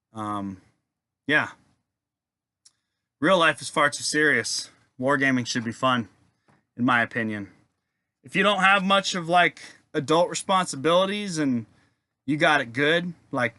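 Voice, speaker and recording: A young adult man talks off the cuff in a laid-back, rambling rant, full of fillers and casual swearing. His voice is bright and forceful. The sound is dry, with no room echo. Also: mid-range voice. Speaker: wargaming video maker.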